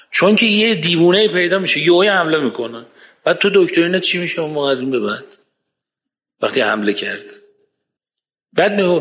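A man's voice: a little high, fairly bright tone. A man giving an emphatic, argumentative lecture and reciting verses from the Quran. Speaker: speaker giving a religious-political talk. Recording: long hall reverb.

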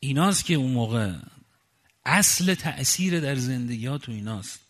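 A man from Khuzestan delivers an impassioned sermon in a high, bright, forceful voice. He hammers his points with indignant rhetorical questions. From Khuzestan, Iran.

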